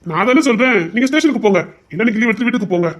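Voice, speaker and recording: A woman's voice: a little high, expressive. A woman with a Tirunelveli Tamil accent playing a stubborn, doting male police officer who coos at his baby in a comedy skit. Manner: fast, soft cooing baby talk.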